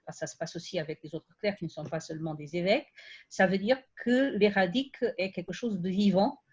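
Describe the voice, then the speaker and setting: A woman's voice: fairly low pitch, a little fast, darkish tone, husky, lo-fi sound. A woman who is not a native French speaker, with a foreign accent in French, speaking unscripted at an academic round table and often restarting as she searches for words.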